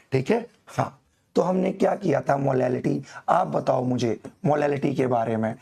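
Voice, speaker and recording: A man, hoarse from a throat infection, teaching a live online chemistry class slowly and coaxingly, calling students "beta". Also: on the high side, a little mellow. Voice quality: gravelly, echoing double voice. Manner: slow, coaxing, calls students "beta", laughs at himself.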